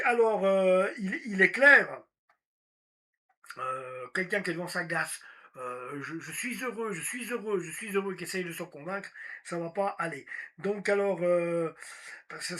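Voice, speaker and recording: A man talks casually about personal development in a high, very bright voice. He acts out little inner monologues and speaks in an animated way. His speech is full of fillers. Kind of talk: casual motivational talk.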